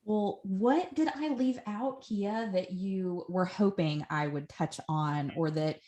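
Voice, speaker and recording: A woman's voice: mid-range voice, takes it slowly, mellow. A woman hosting a podcast interview, speaking in a conversational, affirming way. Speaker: podcast host.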